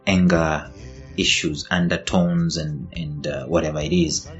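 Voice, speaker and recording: A man's voice: rumbling low, steady tone, measured pace, a bit bright. A man hosting a talk show, asking questions and often stumbling and repeating words. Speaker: host. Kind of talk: casual talk show interviewing. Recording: dull lo-fi sound with faint music.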